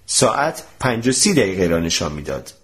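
Expressive male audiobook narrator. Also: low voice. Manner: expressive, animated reading.

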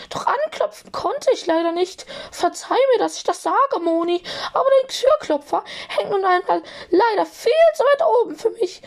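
A woman doing a squeaky little wizard man. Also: gravelly, darkish tone, exaggerated voice. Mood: apologetic. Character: small squeaky male wizard teacher, polite. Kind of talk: fan audiobook reading.

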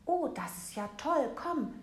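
A woman doing an excited chirpy squirrel. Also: high voice, unhurried, reverberant, slight background noise, pitched above the performer's own voice. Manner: loud, bright, eager exclamations.

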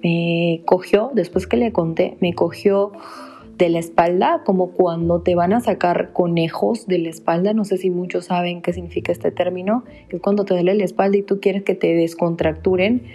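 Young woman, Peruvian accent, low and warm, casual confessional storytelling. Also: fairly even intonation, normal speed, soft background music. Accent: Peruvian Spanish. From Peru. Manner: confiding, speaks straight to viewers. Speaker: vlogger.

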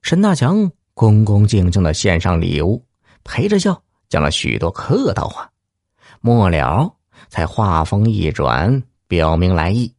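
Male storyteller, theatrical narration, very lively pitch, dry close sound. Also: dry recording. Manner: theatrical, with rhetorical questions and exclamations.

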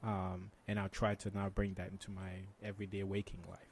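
Lowish-voiced man explaining in conversation. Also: completely flat delivery, a little fast, slight background noise. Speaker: interview guest, meditation teacher.

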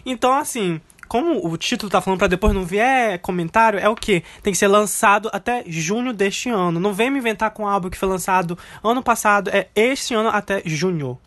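A man's voice: high voice, a little fast, hardly any pauses, a bit bright. Young Brazilian male co-host, chatty and giggly, rambles through pop music talk. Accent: Brazilian Portuguese. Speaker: podcast co-host. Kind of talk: casual chat about music.

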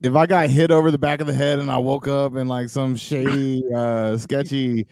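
A man's voice: medium pitch, fairly even intonation, moderate pace, a little mellow, no echo, clean studio sound. A man teasing his friends in a casual crude chat, often breaking into laughter.

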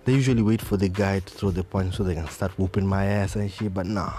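A young Kenyan man telling a rowdy, swear-heavy story on his podcast, slipping into Swahili mid-sentence. His voice is mellow and dark. Faint music plays underneath. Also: low voice, fast talker. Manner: animated, swearing, switching into Swahili. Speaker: podcast host. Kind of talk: profane storytelling monologue.

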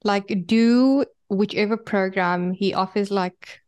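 A woman's voice: mid-range voice, slow, a little mellow, clean tone. A woman co-hosting a casual chat, agreeable and chatty, using "like" a lot. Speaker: podcast co-host.

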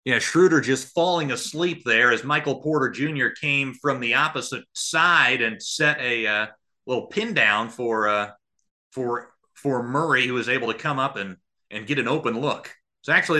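This radio play-by-play man has a mid-range voice with lively intonation, a bright, forceful tone and a moderate pace. Calling live basketball, he narrates the action in clipped present-tense phrases and offers analysis.

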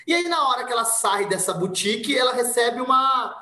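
A man from Brazil telling a personal story in casual conversation, with lively delivery and voices acted out for the people in it. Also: extremely high pitch, fairly quick, roomy sound. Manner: animated, acts out voices in anecdotes. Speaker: podcast guest.

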